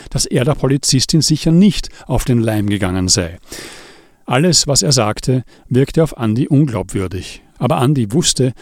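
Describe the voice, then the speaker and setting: A man's voice: mid-range voice, dry recording. Man narrating an audiobook, dry studio. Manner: even, measured reading.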